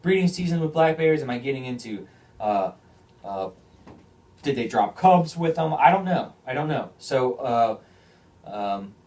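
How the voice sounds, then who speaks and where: A young man hosting a casual podcast, telling his story with plenty of swearing and restarts. His voice sits at an ordinary middle pitch. He sounds a bit distant from the microphone. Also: a little slow. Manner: animated, swears often, repeats and restarts phrases. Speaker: podcast host.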